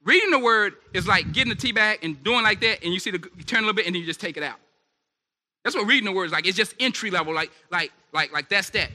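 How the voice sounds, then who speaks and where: A male preacher delivers a lively, conversational sermon and keeps checking in with the congregation. His voice sits high and comes across forceful and sharp. The recording has a long hall echo. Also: quick pace. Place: church service. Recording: echoey hall reverb.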